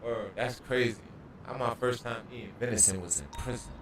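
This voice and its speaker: A man's voice: mid-range voice, moderate pace, crowd noise. A man livestreaming a video game, telling stories in casual, profane slang. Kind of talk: casual gaming livestream chat. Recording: echoey room, distant mic.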